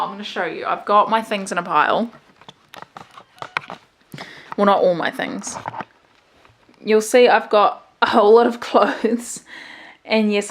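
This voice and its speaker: A woman's voice: medium pitch, echoey room. A young woman in her twenties with a New Zealand accent, talking candidly and rambling to her camera at home in a casual vlog. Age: 20s. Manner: rambling, candid, self-deprecating. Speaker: vlogger. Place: bedroom at home.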